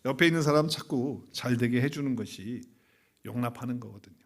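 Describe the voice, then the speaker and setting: A man's voice: medium pitch, brisk. A male pastor preaching a Sunday sermon in a conversational, storytelling way. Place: church sanctuary.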